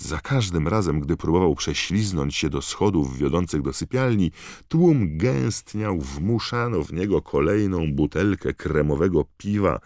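Very deep, gravelly male narrator. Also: darkish tone, dry recording, studio quality. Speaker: audiobook narrator. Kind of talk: scripted narration.

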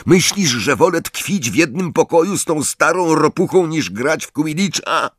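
A man's voice: lowish voice, big pitch swings, unhurried, a bit bright, no room sound, clean studio sound, full character voice. A man voicing a stubborn, resentful teenage boy who speaks tersely and bitterly in an audiobook reading.

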